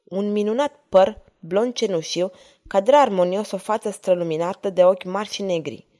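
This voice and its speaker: Mellow-voiced woman reading a novel aloud. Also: medium pitch. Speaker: audiobook narrator. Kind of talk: scripted narration of a historical novel.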